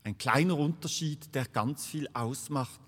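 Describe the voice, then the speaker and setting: A man preaching a sermon in a slow, deliberate way, repeating key words for emphasis. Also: medium pitch, fairly bright tone. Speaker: pastor. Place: church. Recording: long reverb of a church hall.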